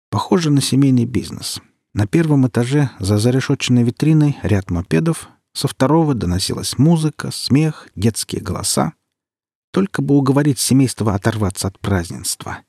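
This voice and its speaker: A man narrating an audiobook in an even, measured storytelling manner. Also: medium pitch, creaky, husky, no echo, clean studio sound. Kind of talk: scripted narration.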